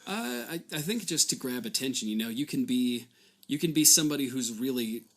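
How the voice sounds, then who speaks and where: A man co-hosting a casual comedy chat, rambling with stammered restarts and sudden excited jumps in pitch. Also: a little fast. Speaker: comedy podcast co-host.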